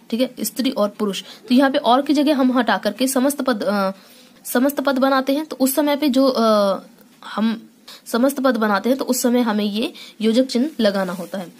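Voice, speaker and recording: A woman teacher explaining a grammar lesson step by step, pausing often with hesitations and checking in with her students. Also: a little high. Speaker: school teacher.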